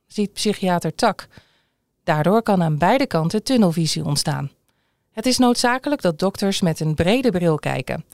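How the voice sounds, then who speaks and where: Calm woman reading news, dry sound. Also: medium pitch, no echo. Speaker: newsreader. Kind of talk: scripted news narration.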